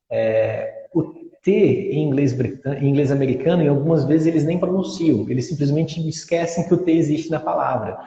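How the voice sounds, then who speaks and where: A man's voice: fairly high pitch, dark tone. A man, an English teacher in an interview, patiently explaining and modelling pronunciations. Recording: dull audio in an echoey room with long reverb.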